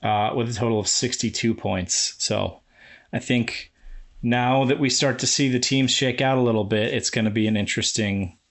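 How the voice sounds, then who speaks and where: A man's voice: mid-range voice, normal speed. Chatty man steering a podcast. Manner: chatty, laughs easily, leads the segments. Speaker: podcast co-host. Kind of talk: casual chat.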